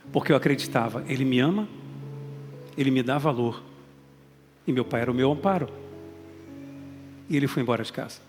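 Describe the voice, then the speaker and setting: A man's voice: a little high, a little mellow. A man with a Brazilian Portuguese accent preaching a sermon as a bishop, emphatic and calling out to the congregation. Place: large church hall. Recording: long hall reverb, faint music.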